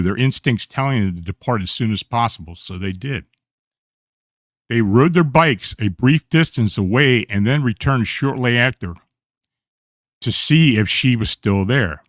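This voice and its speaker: Man, mid-pitched voice, radio host reading aloud, steady, dry close sound. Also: no echo. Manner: steady reading with small slips and self-corrections. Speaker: radio show host reading paranormal accounts. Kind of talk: read-aloud storytelling.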